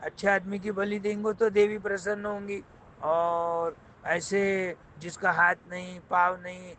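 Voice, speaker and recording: A man's voice: sits high, flat delivery, measured pace, fairly bright tone, slight background noise, poor audio. A man voicing an anxious soldier in a told folk tale, pleading urgently and repeating himself.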